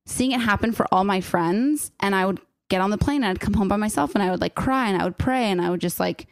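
A woman's voice: medium pitch, quick pace, vocal fry, dry recording, clean studio sound. Emotional rambling woman telling a story. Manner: rambling, says "like" constantly, emotional. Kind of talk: casual chat.

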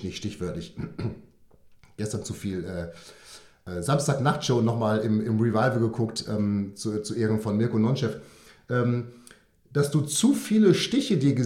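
A man's voice: fairly high pitch, a little mellow, reverberant. A man speaking as a golf mental coach in a podcast monologue, talking freely with many fillers and frequent "ja?" checks to the listener.

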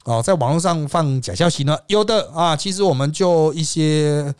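A man hosting a podcast, delivering sarcastic political commentary full of rhetorical questions and drawn-out sentence-final particles. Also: a little high, clear, resonant tone, dry recording, studio quality. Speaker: podcast host.

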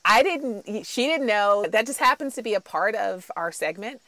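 A woman's voice: medium pitch, animated, normal speed, bright, forceful tone, no echo. A woman hosting an interview, encouraging and upbeat as she speaks to the guest and to the audience. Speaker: podcast host.

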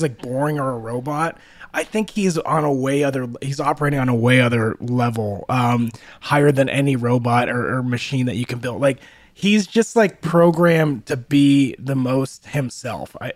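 A man's voice: medium pitch, dry recording. A man co-hosting a sports podcast in casual chat, rambling with lots of restarts. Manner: rambling, full of likes and restarts. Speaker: podcast co-host.

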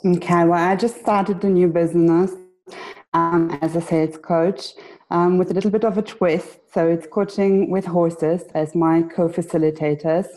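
A woman from Austria, a sales coach, answering interview questions hesitantly with many pauses. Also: fairly low pitch, fairly even intonation, warm tone, rough recording. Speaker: sales coach, podcast guest.

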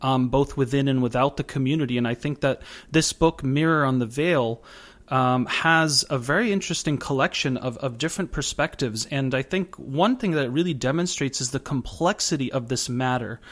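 A man's voice: medium pitch, moderate pace, fairly bright tone. A man hosting an interview show, asking long, earnest questions with many fillers. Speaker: host.

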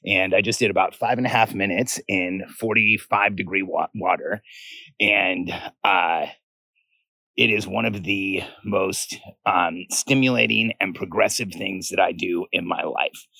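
A man in his forties talks casually from his backyard as a podcast host. His voice is fairly low and the sound is dry, with little echo. He is earnest and often repeats a phrase to drive it home. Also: measured pace, gravelly, sharp tone. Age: 40s. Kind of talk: informal solo podcast monologue. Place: outdoors in a backyard by a pool.

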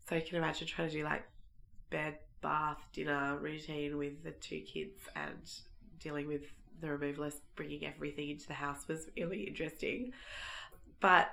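An Australian woman in her thirties with a croaky, froggy voice from a cold, giving a chatty, informal solo podcast update. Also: deep voice, a bit bright. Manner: chatty, informal, thinking aloud. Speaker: podcast host.

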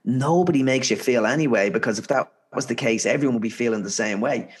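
Podcast guest: Irish male, mid-range pitch, earnest, emphatic motivational talk in a conversational style. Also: fast talker. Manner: earnest, emphatic, repeats phrases for stress. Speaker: podcast guest, author and speaker.

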